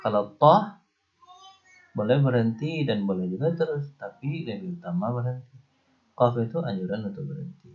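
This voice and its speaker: A man's voice: mid-range voice, animated, normal speed, long pauses. A man teaching an Islamic studies class in a loose, conversational way, with a light Indonesian accent. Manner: explanatory, loose and conversational, with frequent "ya" and "nih" asides. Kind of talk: classroom lecture. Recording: dull lo-fi lecture recording.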